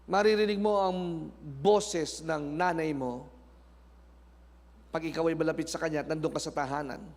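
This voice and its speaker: A man from the Philippines preaching a sermon as pastor, mixing two languages and moving between soft prayer and loud, animated preaching. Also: on the high side, moderate pace. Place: church sanctuary. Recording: long church hall reverb.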